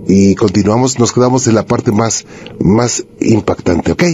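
A man's voice: lowish voice, unhurried, dark tone, a little hiss or hum. A man hosting a radio show, interjecting brief affirmations and recapping a caller's story. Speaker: radio host. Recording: dull lo-fi radio sound.

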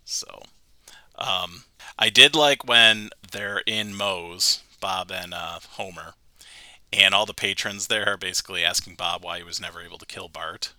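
A man's voice: sits low, measured pace, bright, forceful tone, no echo. A man hosting a casual podcast chat, summarizing a cartoon episode at length and laughing often. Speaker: podcast host.

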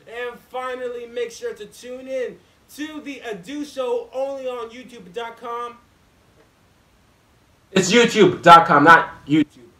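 A man's voice: very high voice, a little hiss or hum. A man hosting a podcast, running a casual interview and outro in an upbeat, loose way. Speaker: podcast host. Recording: echoey room, distant mic.

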